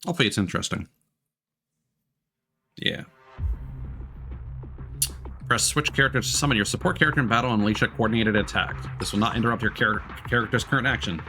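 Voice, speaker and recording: A male streamer, lowish-voiced and brisk but given to long pauses, comments casually on a game. He reads its text and dialogue flatly and relaxedly, with remarks between lines, and game music runs behind his voice.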